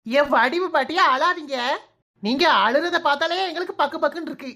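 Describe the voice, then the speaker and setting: A woman with a Kanyakumari Tamil accent voicing village cartoon characters in a blunt, deadpan way. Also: high voice, fairly quick, noisy background. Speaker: cartoon voice artist.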